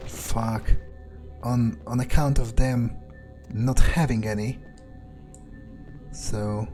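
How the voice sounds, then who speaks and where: Speaking in character as a jaded, foul-mouthed vampire, this male let's player muses hesitantly through his game with dry sarcasm and plenty of cursing. His mid-range delivery is extremely slow and fairly even in intonation, with music playing in the background.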